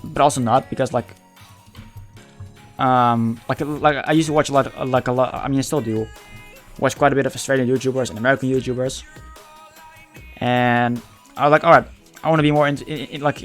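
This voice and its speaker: Faint music plays behind this male livestreamer, whose English keeps a trace of his native Dutch. His voice sits mid-range, and his casual chat comes out haltingly, with many repeated starts as he gropes for words.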